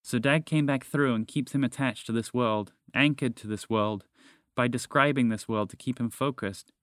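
A man voicing an excited young girl who explains things in a quick, urgent rush for a storybook podcast. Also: medium pitch, no room sound, studio quality, lightly acted.

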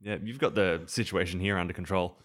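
A man's voice: deep voice, a little fast, fairly bright tone. A man speaking as game master, casually narrating a tabletop role-playing game.

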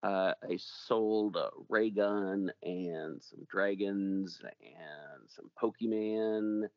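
A man with a gravelly voice hosting a casual chat show, rambling along with jokey asides. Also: low voice, very slow, a little mellow, no echo, dull audio. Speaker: podcast host.

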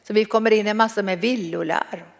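A middle-aged woman preaching a sermon and teaching a Bible lesson, fervent and storytelling, moving between loud exclamations and soft emphasis. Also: mid-range voice, steady tone, creaky. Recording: reverberant hall.

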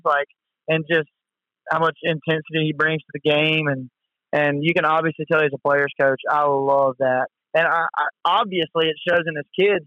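A man's voice: a little high, dry recording, muffled recording. A man chatting casually about sports as a co-host, enthusiastic and full of bro-ish slang, often repeating himself. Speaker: co-host of a sports talk show.

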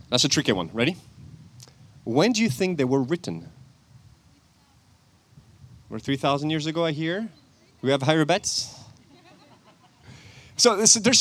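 Preaching outdoors as a guest, this French man, a church elder and chemist, speaks in a fairly high voice with plenty of animation and chatter. He quizzes his listeners, laughs frequently, and is quick to correct himself, while planes fly over the open-air service.

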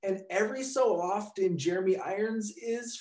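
A man's voice: sits high, moderate pace, darkish tone. A man co-hosting a casual chat about a movie, rambling and laughing often, swearing casually. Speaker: podcast co-host. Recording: echoey room.

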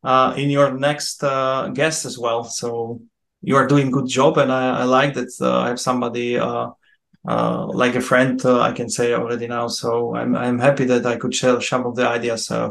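A man who works as a mental coach, guesting on a podcast and talking in an earnest, halting way with many fillers. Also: mid-range voice, little pitch movement, vocal fry, fairly bright tone. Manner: earnest and appreciative. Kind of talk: casual conversation.

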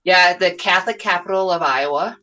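A woman in her thirties from the US Midwest, a podcast guest chatting casually and rambling with many pauses. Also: lowish voice, sharp tone. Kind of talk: casual conversation.

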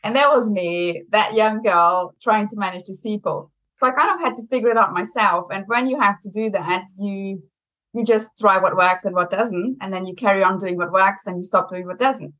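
A marketing executive in her young adult years, Brazilian with a German accent, laughs often and stays chatty and lively as a guest in a conversational interview. She speaks at normal speed and medium pitch on a low-quality recording.

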